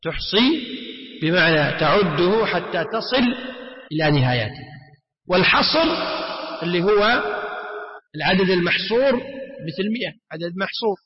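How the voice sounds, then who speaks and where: A man's voice: high-pitched, lively intonation, normal speed, long pauses. A man teaching a religious lesson, often repeating words and putting rhetorical questions to his students. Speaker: Islamic scholar teaching. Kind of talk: religious lesson explaining a text. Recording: echoey hall, muffled lo-fi sound.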